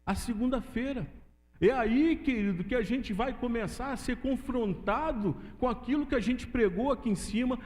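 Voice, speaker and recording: A man's voice: extremely high pitch, darkish tone. Brazilian man preaching in a reverberant church. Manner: addresses listeners as "querido". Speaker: church member giving a testimony. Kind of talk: preaching testimony. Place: church sanctuary. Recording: long church-hall reverb.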